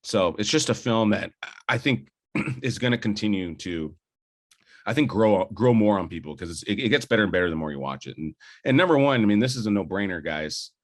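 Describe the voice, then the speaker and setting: A man's voice: fairly low pitch, animated, fairly quick. A young adult man co-hosting a podcast, debating movies enthusiastically and rambling with fillers and restarts. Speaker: podcast co-host. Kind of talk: casual film debate.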